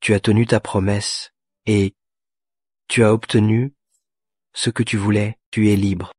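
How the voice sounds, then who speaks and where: A cold, wounded young CEO in a drama, with a deep, husky voice. He speaks in a flat, clipped way that barely rises or falls. The sound is close and dry. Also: measured pace, no echo. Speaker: dub actor. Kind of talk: dubbed drama.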